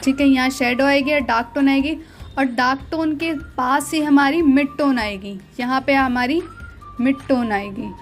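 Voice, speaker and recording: Woman, art teacher, high voice, patient step-by-step drawing explanation, faint music underneath. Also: moderate pace. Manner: explains step by step with repeated "dekhiye" and "theek hai". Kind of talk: drawing lesson narration.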